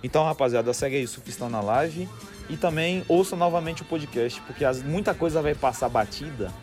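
His voice runs on the high side, a little fast, with a darkish tone. Over music, this Brazilian-accented podcast host keeps things casual and slangy, peppering his chat and sign-off with slang tags.

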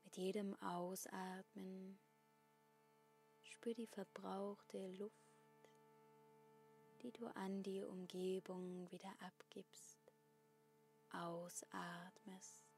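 Very slow, soft half-whispering woman guiding meditation. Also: medium pitch, little pitch movement, faint music behind. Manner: soft, breathy, half-whispered, soothing spa-like delivery. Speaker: breathing meditation guide. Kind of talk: guided meditation, slow instructions with long pauses.

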